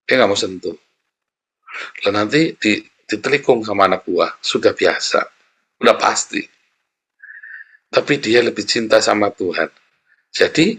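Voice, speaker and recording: A man preaching a sermon as a pastor, animated and conversational, often calling out to his listeners. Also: fairly low pitch, vocal fry, slightly rough.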